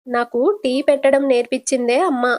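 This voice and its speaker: Calm, patient older sister with a fairly high voice, as a woman storyteller voices her; retold serial. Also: brisk, close to an everyday voice. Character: gentle modest young married woman, older sister. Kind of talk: casual retelling of a TV serial.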